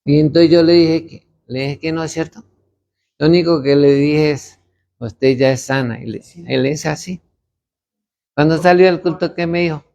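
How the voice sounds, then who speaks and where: A man's voice: fairly high pitch, normal speed, darkish tone, lo-fi sound. A man, a pastor, teaching other pastors in a conversational way and retelling stories with quoted dialogue. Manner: gravelly, anecdotal, retells dialogue.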